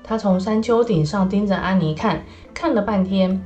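A woman reads a children's adventure story aloud. Her telling is lively and animated, with casual fillers between phrases. Soft music plays faintly behind her. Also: medium pitch, normal speed, lo-fi sound. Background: soft background music.

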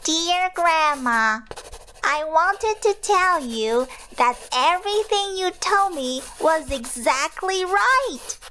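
A woman puts on a small, cheerful girl from a storybook, with a high, bright voice. She speaks sweetly, very slowly and with great care, as if reading out her own letter. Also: lively intonation, slight background noise, full character voice. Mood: fond.

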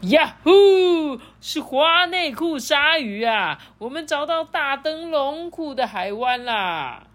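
Boisterous male pirate captain for a storybook reading, played by a woman, higher than her own voice, big slow shouts. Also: animated, exaggerated voice. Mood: rousing. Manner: loud, drawn-out shouting.

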